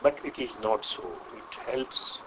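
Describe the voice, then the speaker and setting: An older man from India with an Indian English accent, a Sanskrit scholar answering an interview question in a measured, hesitant way. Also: mid-range voice, fairly even intonation, noisy background. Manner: measured, hesitant with frequent uh, lecturing.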